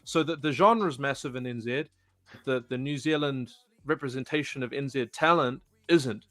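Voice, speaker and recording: A man's voice: mid-range voice, moderate pace, a bit bright, dry recording. A man in a casual chat about music, laying out his points in an explaining way. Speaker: touring musician guest.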